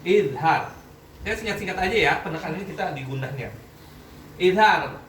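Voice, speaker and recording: A man's voice: high voice, expressive, normal speed, fairly bright tone. A man teaching a classroom Quran recitation lesson, often quizzing his students and checking that they understand. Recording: echoey room, voice from a distance, faint background noise.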